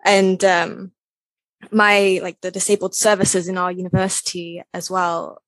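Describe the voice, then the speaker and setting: A woman's voice: fairly low pitch, little pitch movement, unhurried, a bit bright, no room sound, low-quality recording. A young woman in her twenties in a casual discussion, talking hesitantly and saying "like" a lot. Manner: hesitant, full of "like".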